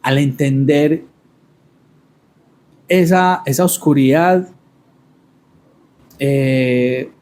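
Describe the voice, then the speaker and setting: A man in a reflective conversation, speaking at an ordinary middle pitch. He talks thoughtfully and haltingly, restarting phrases and circling back to his words before he goes on. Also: darkish tone. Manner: thoughtful, halting, repeats words while searching. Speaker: podcast host.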